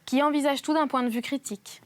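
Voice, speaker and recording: A woman reading the part of an earnest, self-assured young man in a storybook reading, explaining calmly. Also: high-pitched, quick pace, no room sound, pitched above the performer's own voice, lightly acted.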